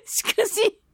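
With a high, girlish voice whose intonation bounces widely, a voice actress hosts a solo radio talk show, reading and answering listener mail. She chats playfully and drops in expressive exclamations. The audio is dry, without any room echo.

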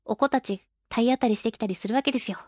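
A woman hosts a casual radio chat in a fairly high voice. She talks playfully, laughs often and acts out the voices she quotes. The sound is dry and close, with no room echo. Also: fast talker, darkish tone. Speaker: radio show host and children's singer. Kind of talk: casual radio chat reading listener mail themes.

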